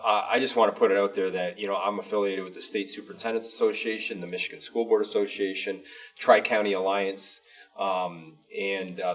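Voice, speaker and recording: Heard through a distant mic, a man with a lowish voice talks as a school superintendent co-hosting a district show. In this informal panel, his explanations are emphatic and wandering.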